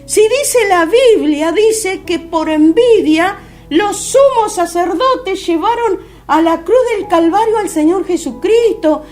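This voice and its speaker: A very high-pitched woman in her fifties with an Argentine accent testifies fervently on a religious radio program, halting and hesitant, often turning to her listeners as brothers. Soft music plays faintly behind her. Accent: Argentine Spanish. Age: 50s.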